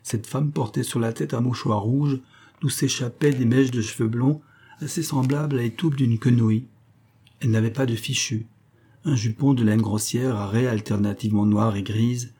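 A man reading a classic novel aloud as an audiobook narrator, in a measured, even-paced manner. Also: medium pitch, breathy edge.

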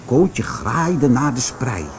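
A man narrating a children's storybook in an expressive, animated way. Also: mid-range voice, slow pace, slight background noise.

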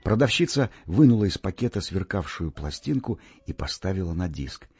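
Deep, mellow male audiobook narrator, lively delivery, dull lo-fi recording with faint music under it. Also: normal speed, slightly rough, no echo. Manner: expressive, wry storytelling. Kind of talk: audiobook reading of a short story.

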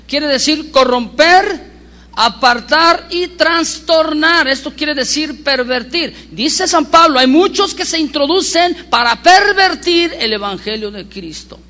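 A man preaching a sermon as pastor, telling stories with lively emphasis and asking the congregation rhetorical questions. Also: very high voice, slow pace. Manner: animated storyteller with rhetorical questions.

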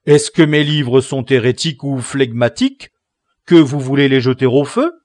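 A man voicing an indignant, muddled innkeeper in an audiobook, loud and aggrieved. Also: medium pitch, animated, a little slow, no echo, studio quality, voice pushed up, natural voice.

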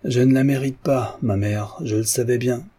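A man's voice: medium pitch, fairly even intonation, moderate pace, dark tone, breathy edge, pitched above the performer's own voice, natural voice. A man voicing a heartbroken, proud grown son who speaks in a restrained, pleading way in an audiobook. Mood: sad.

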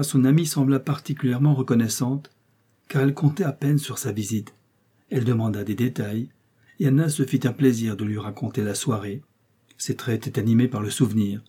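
Un homme qui lit un roman à voix posée, d'un ton égal et mesuré. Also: male voice, medium pitch, warm tone, breathy edge. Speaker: audiobook reader. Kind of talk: novel narration.

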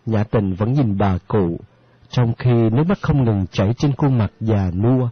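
A man narrating an audiobook in a steady storytelling manner. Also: fairly low pitch, a little slow, breathy edge, no echo. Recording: dry, slightly muffled audiobook.

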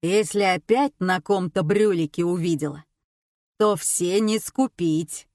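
A woman voicing a gruff, scornful, bossy husband in an audiobook. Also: on the low side, unhurried, darkish tone, no echo, clean studio sound. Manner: gruff, mocking.

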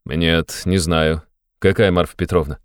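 A man reading an audiobook, voicing a calm, devoted young man in a plain, level tone. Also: measured pace, smooth, no room sound, studio quality. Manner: calm, plain, low-key.

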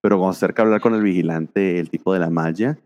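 A man talks through old comic issues on a casual podcast, circling back with fillers as he thinks. His voice sits very low. A long reverb trails behind every line. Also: quick pace, darkish tone, muffled recording. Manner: rambling, many fillers like "este" and "eh". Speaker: podcast co-host.

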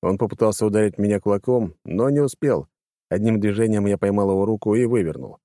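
A man narrating a first-person audiobook, expressive and wry. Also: on the low side, quick pace, no echo, clean studio sound.

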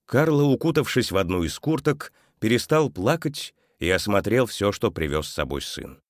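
A man narrating a children's story expressively, his voice softening at the sad moments. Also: on the low side, very animated, normal speed, no echo, studio quality.

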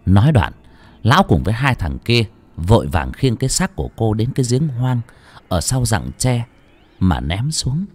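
A man narrating a story, with a dramatic, expressive reading. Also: mid-range voice, normal speed. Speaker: audiobook narrator.

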